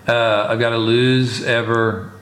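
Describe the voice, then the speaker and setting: A man co-hosting a casual chat, talking in a relaxed, rambling way with many fillers and restarts. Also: medium pitch, takes it slowly. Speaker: podcast co-host, former missionary. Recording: roomy echo, faint ambience.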